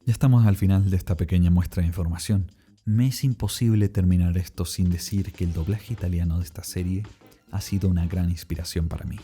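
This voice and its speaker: A man's voice: low voice, steady tone, a little fast, warm tone, husky, soft background music. A man narrating a scripted explainer as the presenter of the video.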